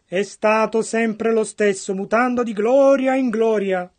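A man's voice: high-pitched, steady tone, unhurried, darkish tone. A man interpreting a sermon line by line, earnestly following the preacher's phrasing.

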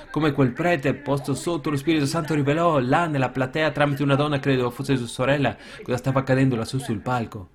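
A man preaching a sermon with passion, swinging from loud shouted peaks down to quiet, low asides. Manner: impassioned, rises to shouts then drops low.

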